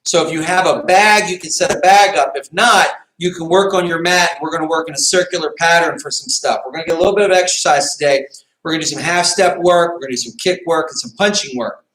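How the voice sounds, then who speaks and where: High-voiced man coaching a class, echoey. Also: fast talker, a bit bright. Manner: encouraging, informal, calls out corrections. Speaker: martial arts fitness coach. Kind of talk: casual instruction and encouragement to a class. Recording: echoey room.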